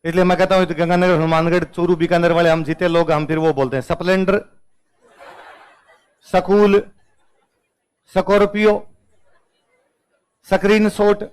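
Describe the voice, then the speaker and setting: A man with a Rajasthani accent, a native Rajasthani speaker, gives a playful classroom lecture. His voice sits high, and he keeps repeating words side by side to show how they are pronounced. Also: steady tone, moderate pace, pauses often, clean tone, rough recording. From Rajasthan, India. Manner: playful, repeats words to contrast their pronunciation. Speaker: teacher.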